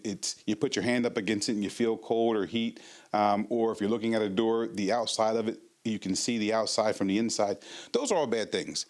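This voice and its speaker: A man with a fairly low voice speaks as a home consultant in an infomercial interview. He gives sales advice in wordy, explanatory sentences. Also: darkish tone.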